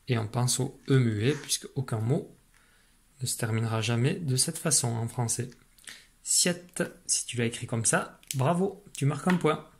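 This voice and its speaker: A man teaching a spelling dictation lesson, speaking patiently, repeating each syllable and sometimes whispering it. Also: mid-range voice. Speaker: primary school teacher.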